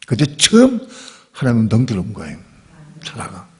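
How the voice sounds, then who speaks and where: A male pastor preaching a sermon at a church service, telling the story in a lively, conversational and emphatic way. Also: lowish voice, normal speed. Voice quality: husky, gravelly.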